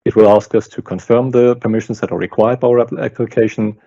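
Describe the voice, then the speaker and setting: A man with a German accent, a customer success engineer, explaining a software installation step by step on a webinar call. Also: lowish voice, steady tone, fast talker, highs cut off. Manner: explains step by step while working. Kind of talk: live technical walkthrough. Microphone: video call.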